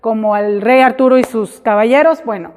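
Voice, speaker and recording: A woman teaching a class, explaining slowly and repeating example words in English. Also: a little high, darkish tone. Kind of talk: classroom lesson. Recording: hall reverb.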